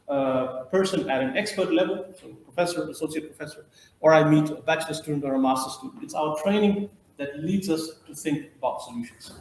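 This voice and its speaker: A middle-aged man leads a training session and explains his points as he works them out aloud. His voice sits a little higher than most men's. The recording has a roomy echo. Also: a little hiss or hum. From India. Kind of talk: training lecture.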